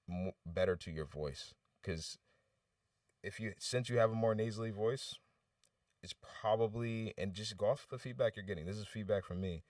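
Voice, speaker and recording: A deep-voiced man hosts a casual music review livestream. His talk is loose and rambling, full of restarts, and sounds set back from the microphone. The sound is dry and close to the walls, with no room echo. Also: distant mic.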